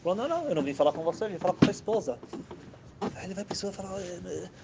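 Man, sermon storyteller, lively, slightly high voice, light noise behind. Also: racing, vocal fry. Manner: animated, acts out characters' voices. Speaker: rabbi telling stories.

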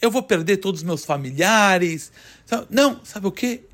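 A man's voice: high voice, expressive, normal speed, fairly bright tone. A man acting out a poor, sorrowful man who pleads and frets in a children's story. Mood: pondering. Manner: pleading, tearful.

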